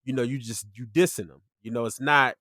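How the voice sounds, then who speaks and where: A man's voice: mid-range voice, fairly even intonation, fairly quick, pushed and bright, no room sound. Laid-back podcast guy, dry close mic. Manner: laid-back, lots of "you know" and "yo". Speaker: podcast co-host. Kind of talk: casual chat.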